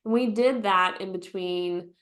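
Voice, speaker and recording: A woman, a therapist who is a podcast guest, telling her story in a lively way and playfully acting out remembered lines. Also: medium pitch, unhurried. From United States. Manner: lively storyteller who acts out quotes with laughter. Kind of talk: conversational storytelling interview.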